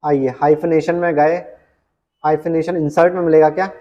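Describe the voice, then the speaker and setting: A man teaching an exam-prep computer lesson, reading English questions slowly and explaining them in casual Hindi. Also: on the high side, little pitch movement, warm tone, muffled recording. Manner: often adds "ठीक है" as a check-in.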